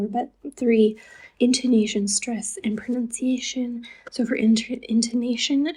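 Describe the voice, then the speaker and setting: A woman talking casually to camera about her own language learning, soft-spoken and drifting into a breathy near-whisper, with chatty asides. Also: fairly high pitch, low-quality recording.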